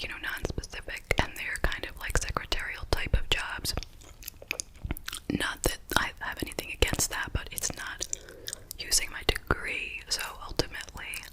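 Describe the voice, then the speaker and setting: A middle-aged woman chatting casually in a soft, breathy ASMR whisper, rambling along with gum-chewing mouth sounds. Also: rough recording. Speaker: ASMR video host.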